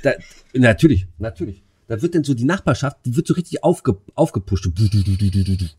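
A man's voice: mid-range voice, lively intonation, fast, darkish tone, husky. A man in casual conversation, talking bluntly with slang and lots of filler words and restarts. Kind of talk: casual chat.

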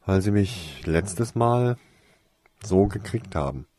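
A man voicing a calm, easygoing young wizard boy with a dry manner. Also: low-pitched, slow pace, no room sound, exaggerated voice. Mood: relaxed. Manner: relaxed, dry.

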